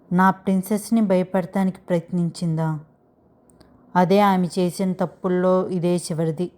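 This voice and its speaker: A woman's voice: fairly low pitch, warm tone, close to an everyday voice. A woman reading the lines of a protective young husband in a story, doting and anxious, in her own voice. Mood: angry. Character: protective young husband, tender but fierce.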